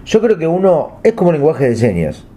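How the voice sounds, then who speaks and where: A man with a Rioplatense Spanish accent, co-hosting a comedy talk show with deadpan, absurd storytelling. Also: fairly high pitch, moderate pace, a little hiss or hum. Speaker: co-host. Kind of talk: casual comedic banter.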